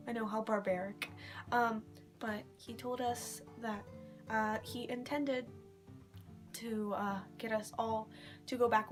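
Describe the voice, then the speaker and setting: Female vlogger, higher register, informal and slangy rambling delivery, recorded on a handheld phone with music underneath. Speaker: vlogger recounting a live-action role-play event. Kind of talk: casual chat. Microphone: phone at arm's length.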